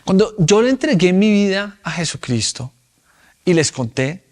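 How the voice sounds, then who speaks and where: A man's voice: high voice, sing-song, normal speed. A young man preaching a sermon as pastor, emphatic and full of rhetorical questions to his congregation.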